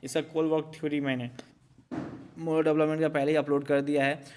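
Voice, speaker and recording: A man's voice: a little high, level tone, fairly quick, a little mellow, clear, resonant tone. A man teaching a revision lecture for teacher-training exams, explaining step by step and mixing English terms into his talk.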